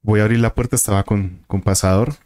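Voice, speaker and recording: A man's voice: fairly low pitch, steady tone, fast talker, a little mellow. A man, a guest telling a vivid story and acting out the voices and sounds in it. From Colombia. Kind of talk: casual storytelling of a paranormal experience.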